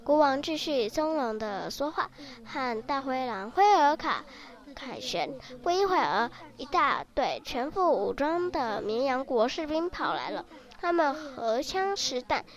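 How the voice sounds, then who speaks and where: A woman reading a children's story aloud in a lively, expressive way. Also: high voice.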